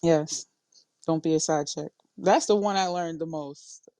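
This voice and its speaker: A woman's voice: low-pitched, measured pace, dark tone, no room sound. A woman co-hosting a podcast in casual chat, answering with short wry interjections. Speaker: podcast co-host.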